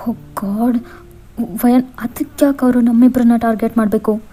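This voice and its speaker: A frantic young man in a Kannada fan-fiction voiceover, voiced by a woman. The tone is mellow and fairly high, full of pleading, disbelieving outbursts. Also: fairly even intonation, normal speed, close to an everyday voice. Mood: panicked.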